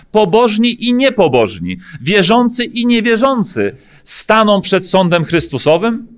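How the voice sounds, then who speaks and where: A middle-aged man from Poland, a pastor, preaching a sermon at a lectern, with earnest emphatic questions and frequent hesitant fillers. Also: high voice. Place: church hall stage at a lectern. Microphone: lectern microphone.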